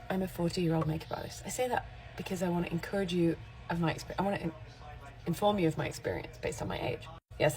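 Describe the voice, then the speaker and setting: This low-quality recording features a makeup artist and content creator in her forties whose voice is on the low side and dark in tone. Speaking straight to camera in a casual vlog, she's candid and rambles a bit.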